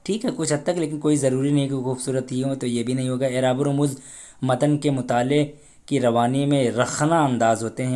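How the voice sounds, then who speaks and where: A man leads an exam preparation lesson, working through each question and its options. His voice is warm and mellow at an average pitch, and he explains patiently, glossing terms and repeating key phrases. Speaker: exam prep teacher.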